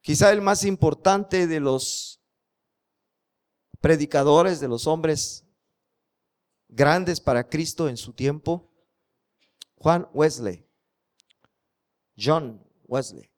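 A man's voice: on the high side, extremely slow, long pauses. A man preaching a sermon, telling stories and asking the congregation rhetorical questions.

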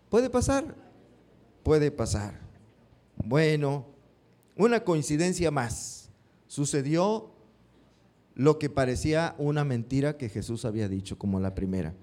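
A man preaching a sermon, often stopping to put questions to his congregation. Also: mid-range voice. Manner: asks the congregation questions, lively rising emphasis.

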